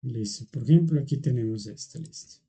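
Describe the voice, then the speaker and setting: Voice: medium pitch, brisk, mellow, husky. A teacher explaining grammar in an online class, going patiently step by step and checking in often with the students. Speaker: English teacher.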